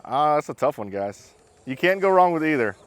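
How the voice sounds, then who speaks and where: A man doing casual outdoor vlog commentary about RC cars, excited, exclaiming and laughing as he drives. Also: a little high, moderate pace, clean tone. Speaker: RC car vlogger.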